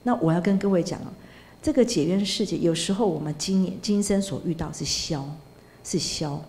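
A woman's voice: lowish voice, brisk, darkish tone. A woman, a Buddhist nun, giving a sermon in a storytelling way, dropping in Hokkien words and tag particles.

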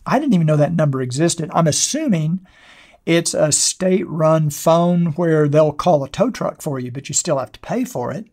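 Seated at a desk in a small studio with a wireless lapel mic, an older man who runs a motorcycle channel chats to camera in reply to viewer comments. He's hoarse and losing his voice, which is a little high and darkish, with lively intonation at a moderate pace. His delivery rambles, packed with fillers and restarts.

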